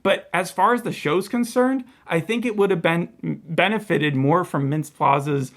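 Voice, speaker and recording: A man's voice: high-pitched, unhurried. A man co-hosting a podcast, chatting casually and animatedly about a reality show episode. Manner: animated, quotes people in lively voices. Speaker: podcast co-host. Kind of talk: casual review chat.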